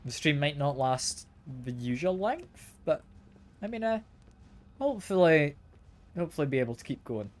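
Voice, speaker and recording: A slightly ill, congested man streams a video game, chatting casually and often repeating words as he plays. His voice is on the high side and very animated, at a moderate pace, with game music in the background.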